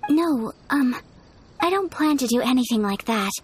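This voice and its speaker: A young woman with a high-pitched voice and lively intonation plays a video game noblewoman who is gentle, composed and earnest. Her manner is soft, polite and measured, and there's a little hiss or hum in the audio.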